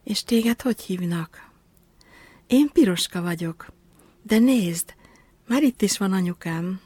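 A woman voicing an excited, kind-hearted little girl in a storybook reading, with eager exclamations. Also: mid-range voice, slightly rough, no echo. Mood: friendly.

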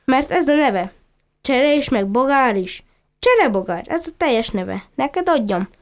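A cheeky little duckling, eager and chatty, with a teasing streak, as a woman storyteller puts it on. The voice is fairly high, smooth and clear. It belongs to a children's storybook reading. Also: lively intonation. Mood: playful.

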